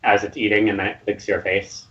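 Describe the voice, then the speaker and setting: Relaxed male game master, dull audio. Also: on the low side, fairly quick. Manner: relaxed, hesitant narration with fillers. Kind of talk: narrating a tabletop game.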